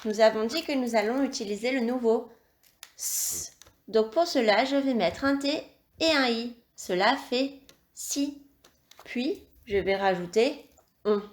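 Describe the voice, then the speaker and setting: A woman teacher with a slightly high voice leads a dictation for young children. She speaks slowly and lays out every syllable with care. Her instructions stay patient and encouraging throughout. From France. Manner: slow, clear, articulated dictation with encouraging instructions. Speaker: primary school teacher.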